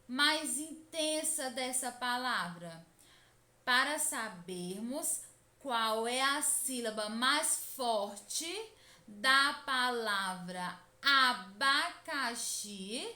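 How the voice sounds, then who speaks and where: A woman, teaching a lesson to children, speaking deliberately, repeating instructions and stretching words out. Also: sits high, sharp tone, roomy sound.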